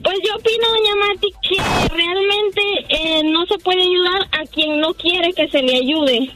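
Lady calling the radio show, high voice, earnest and steady, faint music. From Honduras. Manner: earnest, measured. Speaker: caller. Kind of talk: phone-in radio call.

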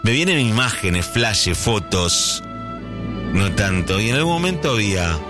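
A man's voice: on the low side, measured pace. A man with an Argentine accent hosting a late-night call-in radio show, musing and reminiscing at an easy pace. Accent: Argentine Spanish. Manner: musing, reminiscent, relaxed, speaks over soft music. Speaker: radio host. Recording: faint music behind.

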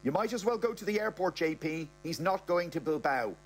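A man reading an audiobook, voicing a firm, scolding wife in her forties who shouts through a letterbox. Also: on the high side, lively intonation, fairly quick, soft background music, voice pushed up, close to an everyday voice. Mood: triumphant.

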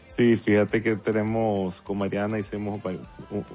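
A man's voice: lowish voice, flat delivery, moderate pace, a little mellow. A man from El Salvador, talking as a guest songwriter in a casual interview, hesitant with many fillers and restarts. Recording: dull lo-fi with faint music.

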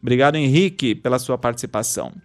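A man's voice: medium pitch, fast talker, soft background music. A man hosting a news podcast, reading stories and listener messages in a scripted style. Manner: reads listener messages aloud.

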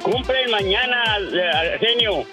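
A man calling in to a radio show, speaking plainly and a bit haltingly. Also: sits high. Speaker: caller. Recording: call aired on radio with music.

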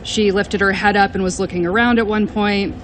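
A man gives an eyewitness account in a high-pitched voice with very little variation. There is faint outdoor noise behind him. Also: fairly even intonation, fairly quick, fairly bright tone, poor audio. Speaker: reporter who covers executions.

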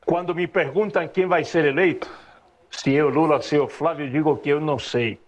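A man from Argentina giving measured, analytical political commentary as an interview guest, often hesitating, speaking from home over a video call. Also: on the high side.

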